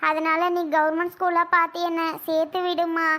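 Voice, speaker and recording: An earnest teenage elder daughter, played by a woman who persuades her mother in a family drama skit. The voice is very high and bright. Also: little pitch movement, moderate pace. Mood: pleading.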